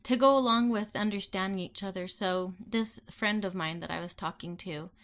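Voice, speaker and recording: A woman's voice: mid-range voice, moderate pace, fairly bright tone. A middle-aged woman co-hosting a marriage podcast in casual chat, telling stories earnestly and acting out what others said. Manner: earnest storytelling, acts out quotes. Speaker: podcast co-host.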